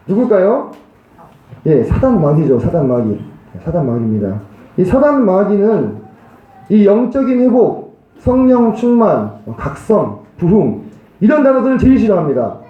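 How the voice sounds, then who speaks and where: A male pastor preaching a sermon in a church, putting rhetorical questions to the congregation. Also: high voice. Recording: roomy, dull lo-fi sound.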